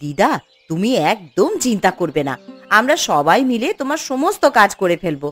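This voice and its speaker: A woman's voice: medium pitch, sing-song, moderate pace, fairly bright tone. A woman voicing a caring, coaxing eldest granddaughter in a cartoon, pleading with her grandmother and rousing her sisters. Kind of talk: animated cartoon voice acting. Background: faint music.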